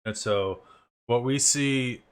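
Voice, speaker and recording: A man's voice: medium pitch, takes it slowly, clear, resonant tone. A man hosting a livestream. He greets his viewers and talks through his views in a loose, conversational way, with many fillers. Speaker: livestream host. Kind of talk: casual livestream commentary.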